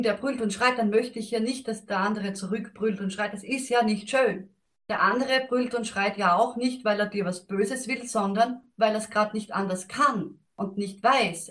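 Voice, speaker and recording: A woman speaking gently and reflectively about letting go of anger, thinking aloud as she goes. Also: on the high side. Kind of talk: calm talk on self-help and letting go.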